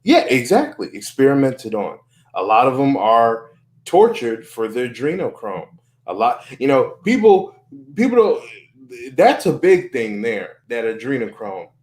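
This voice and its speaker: A man's voice: medium pitch, sing-song, unhurried, a little mellow. A man hosting a casual podcast chat, talking earnestly, repeating and restarting phrases and swearing freely.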